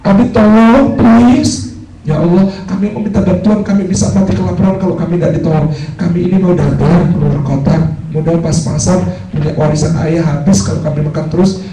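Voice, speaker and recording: A man's voice: high voice, a little fast, music in the background, close to an everyday voice. A man voicing a desperate older brother pleading for help, in an echoey hall recorded from afar. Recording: echoey hall, distant mic, noisy.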